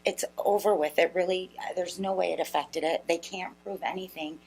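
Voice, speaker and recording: A woman's voice: on the low side, fairly even intonation, moderate pace, darkish tone, poor audio. A young woman from Brazil, co-hosting a political talk show and giving short, blunt answers. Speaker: co-host.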